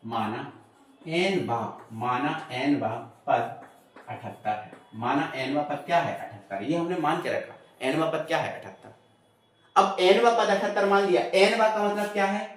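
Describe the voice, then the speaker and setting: A male maths teacher explaining sums step by step, adding "है ना" and "ठीक है", asking questions aloud and answering them himself. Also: on the high side. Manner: repeats prompts like "है ना" and "ठीक है" to check understanding; playful asides while explaining. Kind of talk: chalkboard maths lesson. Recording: very echoey room, voice from a distance.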